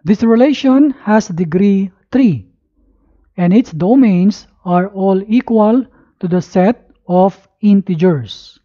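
A woman reading a scripted lesson as if dictating, word by word with pauses, spelling out letters and punctuation. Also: medium pitch, warm tone, dull audio. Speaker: math lesson presenter. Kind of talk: scripted lesson narration, read aloud.

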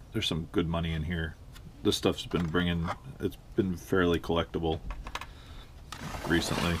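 Man, very low voice, unhurried rambling tour narration, head-cam in a home workroom, faint hiss. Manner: rambling, hesitant, many fillers. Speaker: online reseller. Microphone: head-mounted action camera.

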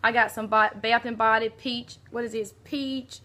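Bright-voiced gushing woman. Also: a little high, steady tone, moderate pace. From Alabama. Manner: gushing, exclaims often, talks to viewers as y'all. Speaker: beauty vlogger. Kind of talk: casual mail swap unboxing.

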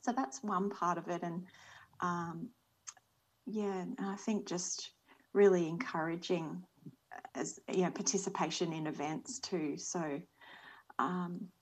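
Slow and frequently pausing, this fortysomething Australian woman has a fairly low voice with fairly even intonation. Appearing as a panel guest on a webcam video call from a small room, she reflects in a soft-spoken, earnest, thoughtful manner.

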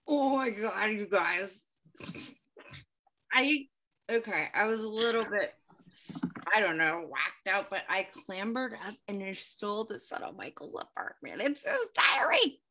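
Bright, animated woman improviser. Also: medium pitch, measured pace. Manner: excitable, gossipy, animated. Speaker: improv comedy performer. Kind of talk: improvised sitcom scene.

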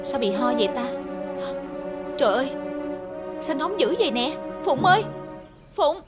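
A woman's voice: a little high, expressive, normal speed, over loud music, lightly acted. An actress playing a young mother with a Southern Vietnamese accent, tender with her husband and frantic over her sick child. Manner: tender, then frantic calling. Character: young mother, loving wife. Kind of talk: TV drama acting.

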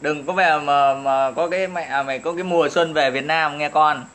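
High-voiced man in a mocking rant. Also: steady tone, normal speed, fairly bright tone. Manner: mocking, insulting, laughs at his targets. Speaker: online commentator. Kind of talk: taunting profane rant to camera.

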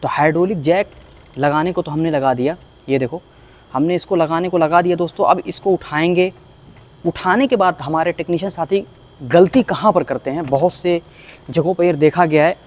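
A man's voice: a little high, normal speed, darkish tone. Earnest man pleading about workshop safety. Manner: earnest, pleading, repeats himself. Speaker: auto technician. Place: car workshop.

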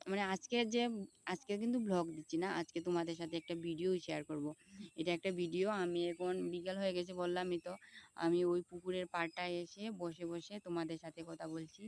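A woman's voice: lowish voice, darkish tone, slight background noise. A woman in her thirties with a Sylheti accent, talking casually to her viewers from beside a pond, repeating herself as she explains. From Tripura, India. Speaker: vlogger. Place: outdoors by a pond.

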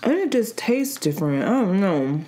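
A woman's voice: mid-range voice, big pitch swings, normal speed, mellow. Chatty young woman vlogger, rambling. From Kansas City, Missouri side. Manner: chatty and rambling, slangy, restarts often. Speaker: mukbang vlogger. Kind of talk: casual chat to camera.

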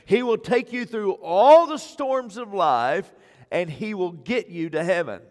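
Older guy preaching slow and emphatic, repeats himself for punch, long church echo. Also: high-pitched, animated, darkish tone. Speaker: pastor. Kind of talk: sermon. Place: church sanctuary stage, indoors. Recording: long reverb of a church hall.

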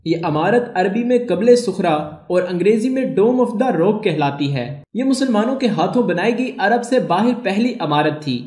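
For his channel, a man with a light, high voice reads scripted documentary narration. He speaks formally and evenly, keeping a measured, steady pace, while the room he's in echoes noticeably.

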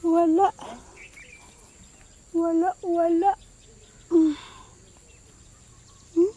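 A woman's voice: very high voice, flat delivery, extremely slow, warm tone. A woman chatting to her viewers in a casual vlog while walking outdoors and gathering vegetables. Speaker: vlogger. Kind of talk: casual cooking and garden vlog.

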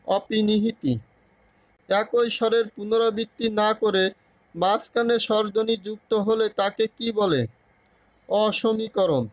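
A man tutoring for an exam, reading out grammar questions and then giving each answer in a measured way. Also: high voice, no room sound, poor audio.

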